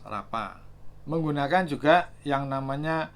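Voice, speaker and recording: In an unhurried way, the reviewer demonstrates chargers with a medium pitch and lively intonation. The casual demo has him musing out loud, calling out figures, and leaning heavily on fillers.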